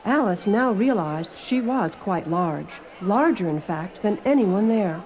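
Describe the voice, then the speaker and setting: A woman's voice: medium pitch, expressive, a little slow, a crowd in the background. A woman reading scripted storybook narration on an album. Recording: noisy album recording.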